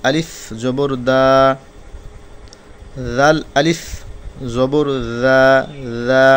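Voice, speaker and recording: A man teaching Quran reading, spelling out Arabic letters slowly one by one and explaining the rules more quickly. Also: medium pitch, steady tone, clear, resonant tone. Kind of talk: spelling-out recitation lesson.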